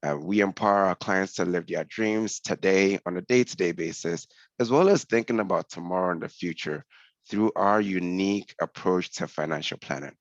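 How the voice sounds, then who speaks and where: A man's voice: low-pitched, moderate pace, no echo. A man from Ghana, a senior scrum master, giving a conversational webinar presentation over a headset on a video call. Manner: conversational, explanatory. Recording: dull lo-fi call audio.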